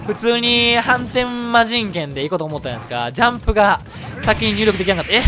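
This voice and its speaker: Excitable Kansai man calling his game. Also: high voice, fast, background noise. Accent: Kansai Japanese. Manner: excitable, shouts and laughs at big plays. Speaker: gameplay commentator. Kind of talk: live game commentary. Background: background music.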